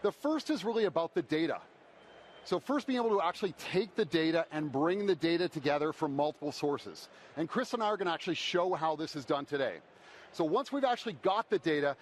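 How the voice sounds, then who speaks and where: A man giving a podium speech as a conference presenter, explaining step by step and posing questions that he then answers. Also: on the high side. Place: conference stage. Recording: faint background noise.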